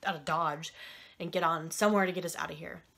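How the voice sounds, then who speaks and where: A woman's voice: fairly low pitch, vocal fry. Candid, swearing mother telling a story. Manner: candid, profane, animated retelling with quick asides. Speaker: podcast host. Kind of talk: personal storytelling.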